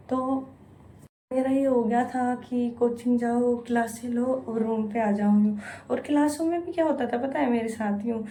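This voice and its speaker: A woman's voice: sits high, mellow, slight background noise. A young woman from India vlogging, telling a frank, rambling and emotional story in casual confessional talk, with a recurring filler word. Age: young adult. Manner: emotional, repeats "यूँ" often, frank and rambling.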